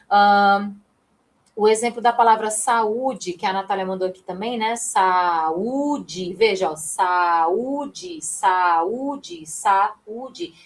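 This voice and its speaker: A young adult woman with a Brazilian Portuguese accent teaching a live online class, chatty and calling on students by name. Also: medium pitch. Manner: chatty, reads chat, addresses students by name.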